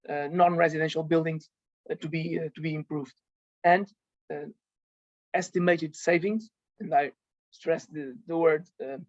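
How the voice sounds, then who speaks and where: A man presents technical findings at a conference, stopping often with ums and restarting his sentences. His voice sits fairly high but stays flat and even. The sound is dry and dull, with a lo-fi quality. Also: no echo. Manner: halting, frequent ums and restarts. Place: conference event.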